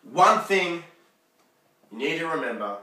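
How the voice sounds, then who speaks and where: An earnest young man speaks in a slightly higher, bright and pressing voice, repeating his main points. He is recorded indoors in a very echoey room, well away from the mic. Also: big pitch swings, measured pace. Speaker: youth speaker. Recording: roomy echo, far from mic.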